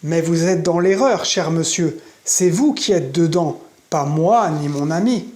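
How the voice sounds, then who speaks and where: A reader voicing a composed male detective who speaks softly and calmly in an audiobook. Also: fairly high pitch, unhurried. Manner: soft, unruffled.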